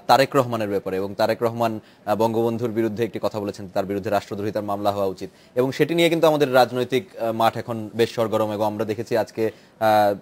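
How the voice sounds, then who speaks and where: A man's voice: on the low side, darkish tone. A man hosting a political talk show, putting questions with small hesitations. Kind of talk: hosting studio discussion.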